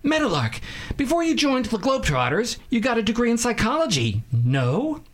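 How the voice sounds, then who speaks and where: Hapless deadpan radio host played by a man, very lively pitch. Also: moderate pace, heavily acted. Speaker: talk show host.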